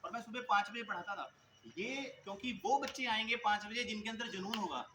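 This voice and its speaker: A man's voice: high voice, a little fast, pushed and bright. A male coaching teacher giving an earnest motivational speech to students at a school event, telling stories and addressing them directly. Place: school event hall with audience. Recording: echoey hall with noisy ambience.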